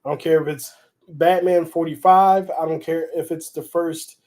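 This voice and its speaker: A man co-hosting a casual live stream, relaxed and rambling, often restarting his sentences. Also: a little high, moderate pace. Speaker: co-host.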